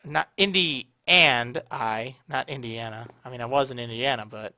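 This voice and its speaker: A man's voice: mid-range voice, moderate pace, bright, forceful tone, dry recording. A man with a slightly strained, tired voice giving casual, explanatory video game tutorial commentary. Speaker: gaming video host.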